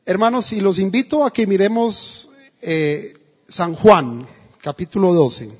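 Acting out quotes as he tells a story, a pastor delivers an emphatic sermon in a church hall, captured on a dull, echoey recording. He speaks slowly in a high, darkish, slightly rough voice.

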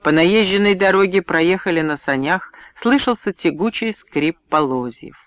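Male audiobook narrator, steady even reading, somewhat high voice, dry dull-sounding recording. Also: normal speed, no echo. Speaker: audiobook reader. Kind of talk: scripted narration.

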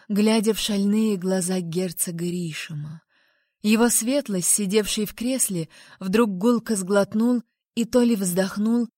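Female audiobook reader, first-person romance, mid-pitched, expressive, dry studio sound. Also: dry recording. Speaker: audiobook narrator.

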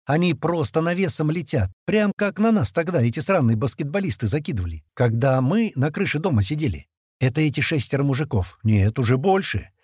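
A man narrating an action story in first person, voicing the shouted lines of the characters himself. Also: a little high, big pitch swings, a little fast, husky, dry recording, clean studio sound. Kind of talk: audiobook narration with acted dialogue.

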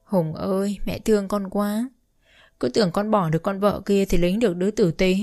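A woman voicing a scolding old mother-in-law who wails and shrieks complaints loudly. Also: mid-range voice, moderate pace, soft background music, natural voice. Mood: wailing. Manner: loud, wailing, shrieking complaints.

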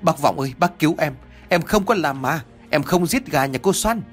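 A man doing a frightened villager begging, high and tearful. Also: animated, moderate pace, soft background music, natural voice. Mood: pleading. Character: frightened male villager pleading innocence.

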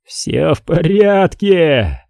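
A man voicing a brutish, short-tempered submarine pilot who barks his words slowly. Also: a little high, very animated, gravelly, mellow, dry recording, studio quality, voice pushed up, full character voice. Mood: angry. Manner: barking, slow and heavy.

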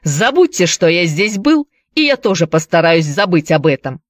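A woman's voice: on the low side, sing-song, moderate pace, dry recording, studio quality. A woman reading a story aloud, voicing a young male tavern keeper who speaks in a curt, defensive way. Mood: irritated.

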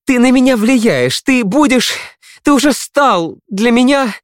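A reserved young woman who speaks in a low monotone, then breaks into a fast, pleading rush, as a man reading a story puts her on. The voice sits well above the reader's own low register. The sound is close and dry, with no room around it. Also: no echo. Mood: anguished.

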